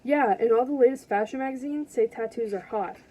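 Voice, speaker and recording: A woman's voice: fairly high pitch, fairly quick, warm tone, close to an everyday voice, rough recording. A woman reading aloud as a giggly, show-offy teenage girl in a storybook, speaking with a nasal voice. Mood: phony.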